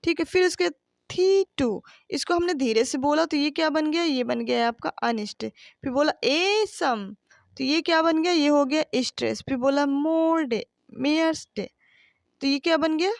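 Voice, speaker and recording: A woman's voice: high-pitched, a little fast, creaky, no room sound, studio quality. A woman teaching English literature for exam prep, who asks rhetorical questions and answers them herself, calling her listeners friends. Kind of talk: exam-prep lesson, reading questions then explaining.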